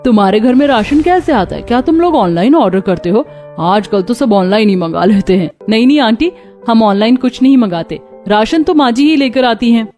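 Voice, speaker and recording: A woman's voice: a little high, expressive, a little fast, warm tone. A woman voicing all the female roles in a Hindi cartoon story, from mother-in-law to daughter-in-law to the neighbors, in one voice. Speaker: voice actor for all female characters. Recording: faint background music.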